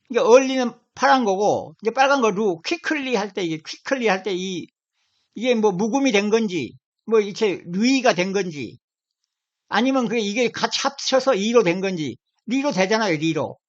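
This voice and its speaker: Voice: medium pitch, animated, moderate pace. A channel host explaining word by word while pointing at a screen and repeating key words again and again. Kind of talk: casual explanatory talk over an on-screen dictionary. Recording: slightly dull lo-fi sound.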